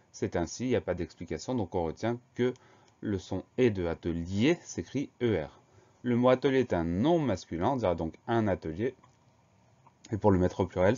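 A man teaching a spelling lesson, slow and patient, spelling each word letter by letter. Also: lowish voice, mellow, lo-fi sound.

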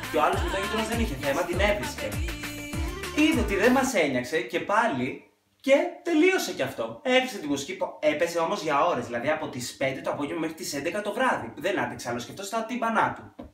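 A young man tells a story from home in an animated, dramatic way, his pitch leaping up and down with every beat. His voice sits a little high and comes from off the mic in an echoey room. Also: recorded from a distance, soft background music. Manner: animated, dramatic retelling with sudden loud outbursts. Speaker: vlogger. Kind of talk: casual storytime monologue.

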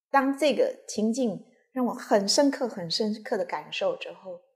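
A Buddhist nun, giving a dharma talk and telling a personal story with vivid, emotional repetition. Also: female voice, mid-range voice, darkish tone.

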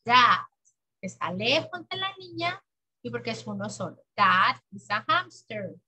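A woman teaching English to children, patiently drilling words slowly and clearly in a bilingual lesson. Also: fairly high pitch, sing-song, pushed and bright, low-quality recording. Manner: patient, exaggerated slow pronunciation for children. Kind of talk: bilingual classroom lesson, slow drilled repetition.

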